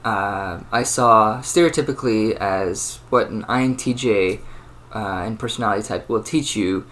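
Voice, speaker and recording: A man's voice: on the low side, moderate pace, fairly bright tone. A man in his early twenties talking alone in a rambling, thoughtful way, with many fillers and restarts. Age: 20s. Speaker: channel host. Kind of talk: casual solo monologue.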